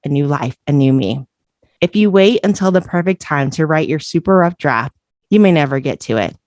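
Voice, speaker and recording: A woman's voice: low voice, a little mellow, no echo. Woman host reading an excerpt then interviewing, earnest, dry close sound. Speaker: podcast host.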